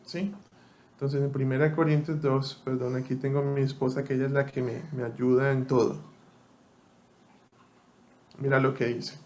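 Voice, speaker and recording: A man's voice: mid-range voice, little pitch movement, moderate pace, long pauses, a little mellow. A young man teaching a Bible study to an online group, conversational and often asking listeners to respond.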